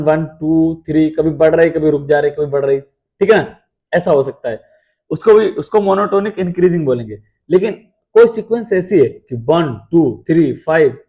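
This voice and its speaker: A man's voice: on the high side, dark tone. A man teaching math in an explanatory lecture, asking rhetorical questions and answering them himself.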